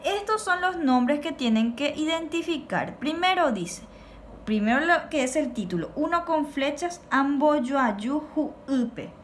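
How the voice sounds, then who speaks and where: A woman teaching a recorded lesson, speaking slowly and clearly and repeating words for pupils to copy. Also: high-pitched, animated, slight background noise. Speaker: Guaraní teacher.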